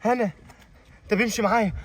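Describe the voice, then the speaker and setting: A man's voice: sits high, fairly even intonation, fast talker. A man with an Egyptian accent acting as a worried father in a homemade comedy-drama, asking urgent, insistent questions. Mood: alarmed. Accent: Egyptian Arabic. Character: worried middle-aged father. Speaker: amateur sketch actor.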